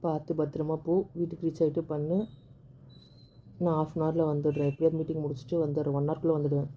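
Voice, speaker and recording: A protective older brother speaks on the phone, as a woman puts him on, his voice low and dark. He gives calm, caring advice, like a big brother in a family skit. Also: fast talker, slight background noise, close to an everyday voice. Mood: concerned. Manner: protective, gently advising.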